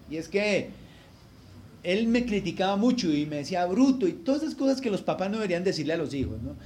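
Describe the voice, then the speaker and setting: A male pastor delivers a heartfelt sermon in a notably high voice. He swings from loud, emphatic lines down to hushed, intimate asides. A faint hum of room ambience sits behind him. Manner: emotional storytelling, swinging between loud emphasis and quiet asides.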